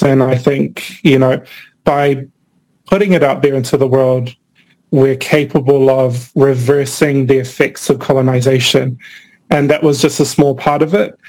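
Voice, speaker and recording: Young guy from the cook islands, filmmaker talking it through slowly, lots of ums. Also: medium pitch, a little mellow, low-quality recording. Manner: thoughtful, many fillers and restarts. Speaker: filmmaker guest. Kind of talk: interview answers.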